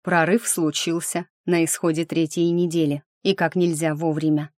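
A woman's voice: low-pitched, level tone, normal speed, darkish tone. Woman narrating a fantasy audiobook. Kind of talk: scripted first-person narration.

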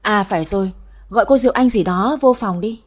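A woman voicing a stern old grandmother who rules the family, speaking in a sharp, scolding tone. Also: medium pitch, brisk, close to an everyday voice. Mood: teasing.

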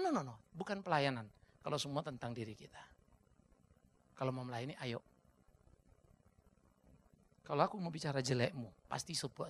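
A male pastor preaching a sermon in a fiery, conversational way, swinging between quiet asides and loud emphasis. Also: on the high side.

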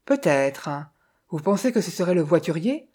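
A reader voicing a calm Italian motorist in a detective story, a man who speaks briefly and softly with quiet amusement, husky-voiced. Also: medium pitch, moderate pace. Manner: soft, laconic, mildly amused. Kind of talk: audiobook character reading.

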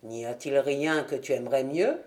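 A woman voicing a calm, shrewd male detective in a French audiobook. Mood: diplomatic. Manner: measured and low.

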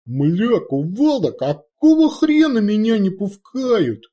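A man voicing a brash, crude male orc warrior who shouts in coarse slang. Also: very animated, unhurried, husky, full character voice. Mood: indignant. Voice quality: high strained shouting, coarse street slang.

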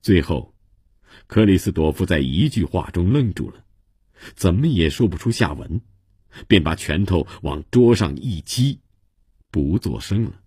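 A man narrating a novel as an audiobook, in steady, measured storytelling from a studio mic. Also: deep voice, slightly rough, no echo.

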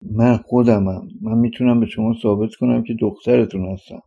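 A man's voice: fairly low pitch, fairly even intonation, gravelly, mellow, husky. A man voicing a cursed young village woman who pleads earnestly and tearfully, on slightly dull audio. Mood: pleading.

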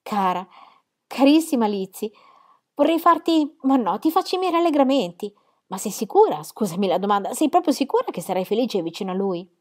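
A woman voicing a gentle, kind young woman, an affectionate elder sister, with warm, eager exclamations. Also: medium pitch, sing-song, fast talker, few pauses. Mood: astonished. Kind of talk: audiobook character reading.

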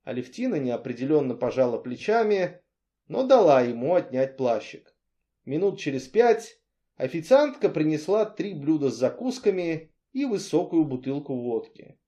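A man narrating an audiobook in a steady, even storytelling manner. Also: fairly high pitch, normal speed.

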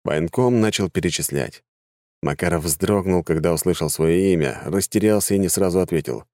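A male narrator with a very low, dark voice reads the story in an even, measured way. The sound is close and completely dry, with no room around it. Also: no echo. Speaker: audiobook narrator. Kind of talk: scripted narration.

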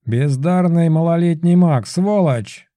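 A man voicing a rude, boastful male pigeon familiar with a shrill, squawking manner. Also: moderate pace, dark tone, dry recording, close to an everyday voice. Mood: shrieking.

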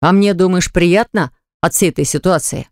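A man voicing a hot-tempered young man in an audiobook, forceful and commanding. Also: high-pitched, moderate pace, dry recording, studio quality. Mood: angry, demanding.

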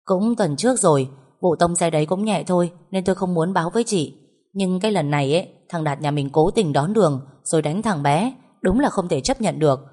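Woman doing a blunt no-nonsense sister, calm and firm. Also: on the low side, fairly quick. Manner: calm then sharply reproachful. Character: calm, blunt younger sister, stern with her family.

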